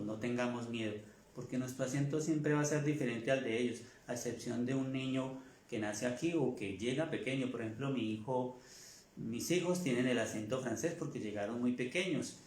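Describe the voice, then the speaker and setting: A middle-aged man, a native Spanish speaker, giving a French class lecture, repeating his advice slowly and asking rhetorical questions. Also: mid-range voice, darkish tone, roomy sound. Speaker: French teacher.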